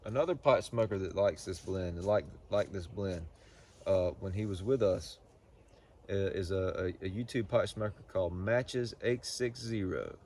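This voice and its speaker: A man giving a casual, unscripted product review in a halting, folksy way, often repeating words as he goes. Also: sits low, a little mellow, a little hiss or hum. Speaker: pipe tobacco reviewer.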